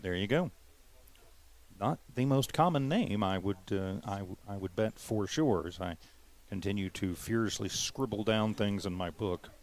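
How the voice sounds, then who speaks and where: A man calling a local high school baseball game play by play, chatty and quick to laugh at himself. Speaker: play-by-play announcer.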